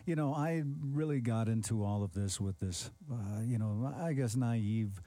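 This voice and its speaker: Mellow-voiced radio show host. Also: male voice, on the low side, a little slow, no room sound. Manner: earnest, rambling, many fillers. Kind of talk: casual interview hosting.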